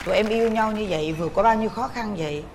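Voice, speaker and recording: Middle-aged Southern Vietnamese woman, talk show host, coaxing and chatty, mid-pitched, faint background noise. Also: racing, a crowd in the background. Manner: warm, coaxing, speaking gently to a child. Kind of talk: casual chat.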